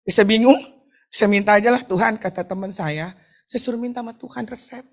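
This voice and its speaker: A middle-aged woman pastor from Indonesia preaching a lively, joking sermon with a personal testimony, often asking the crowd to answer back. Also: medium pitch, a little fast. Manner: chatty, joking, asks the crowd for replies; acts out quoted talk in shifting voices. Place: church hall.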